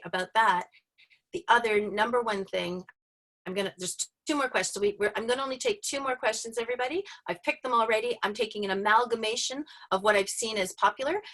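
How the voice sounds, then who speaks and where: A woman hosts an online book launch over a video call. She is chatty and upbeat as she reads out audience questions, and her voice sits a little high. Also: a bit bright. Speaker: host. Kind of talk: hosting a virtual Q&A.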